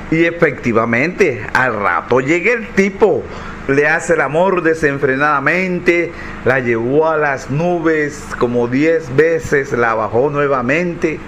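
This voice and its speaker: A man telling jokes in a lively storytelling manner, with a fairly high speaking voice. A faint hiss runs under the recording. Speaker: joke teller.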